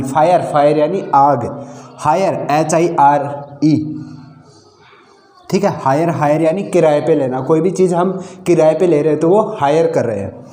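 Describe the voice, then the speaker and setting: A man's voice: a little high, dark tone. A man teaching basic English pronunciation, spelling words out letter by letter and checking in with "okay" after each point. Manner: spells words letter by letter, repeats with "thik hai". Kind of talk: step-by-step pronunciation lesson. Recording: echoey room.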